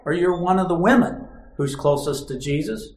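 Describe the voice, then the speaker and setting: A man's voice: on the high side, lively intonation, moderate pace. A man preaching a sermon, telling stories dramatically and acting out quoted lines. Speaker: pastor. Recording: roomy echo.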